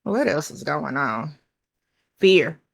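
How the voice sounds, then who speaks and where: A woman with a country accent and a somewhat low voice reads tarot cards to her viewers in a loose, chatty way. She is blunt, swears casually, and thinks out loud over each card, calling her listeners child and baby. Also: lively intonation, slow, creaky, slightly rough. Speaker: tarot reader.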